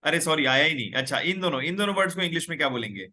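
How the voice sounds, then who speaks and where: Bright, high-pitched male teacher. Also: lively intonation, very fast. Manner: encouraging, coaxing students to speak up; reads out viewers' names and comments. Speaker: online English teacher. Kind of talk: live online class, Hindi mixed with English.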